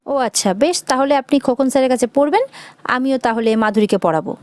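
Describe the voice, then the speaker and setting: A woman's voice: sits high, fast talker, darkish tone, no room sound, clean studio sound, close to an everyday voice. A woman reading the lines of a playful young man teasing over the phone.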